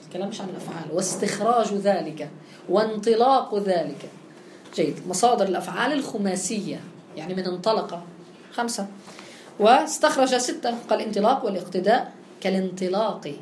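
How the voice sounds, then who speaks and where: A woman teaching a grammar lesson. She keeps checking understanding with quick questions and affirmations. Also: medium pitch, roomy sound, slight background noise.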